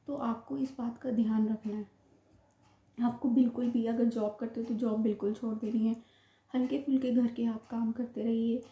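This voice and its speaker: A young vlogger recounts her IVF experience to camera, earnestly repeating instructive advice in casual talk while slightly short of breath. Her voice is a little high and mellow, with a level tone and moderate pace. The home recording sounds roomy, dull and lo-fi.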